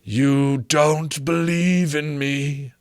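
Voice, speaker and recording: A man voicing the mournful, ominous ghost of a dead businessman in a storybook, with slow, portentous, drawn-out words. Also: on the high side, fairly even intonation, smooth, dry recording, clean studio sound, pitched above the performer's own voice. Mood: grave, challenging.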